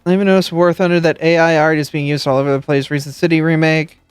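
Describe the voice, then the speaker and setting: A man's voice: fairly high pitch, flat delivery, quick pace, smooth, dry recording, faint music behind. A man chatting casually while streaming a game, swearing freely and restarting his sentences. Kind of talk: casual gameplay chat.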